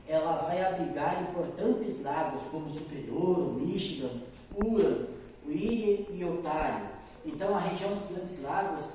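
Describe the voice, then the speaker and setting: Man, from Brazil, geography teacher, slightly high voice, echoey roomy sound. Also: warm tone, a little hiss or hum. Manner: explains step by step, often checks in with "tá, gente?". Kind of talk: recorded geography lesson. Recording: echoey room, mic far off.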